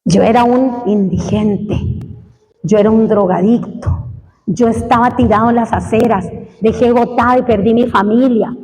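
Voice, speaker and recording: Brief: humbled former street addict, voiced by a woman, slow and low, with hall echo. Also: steady tone, warm tone, close to an everyday voice. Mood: solemn. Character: grave former homeless addict man, humbled.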